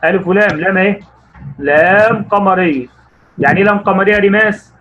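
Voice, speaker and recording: Teaching young pupils online, a primary school Arabic teacher with an Egyptian accent encourages the children and quizzes them by name. He reads slowly, stretching out words. His voice is high-pitched, steady, and sharp in tone, and the audio is dull.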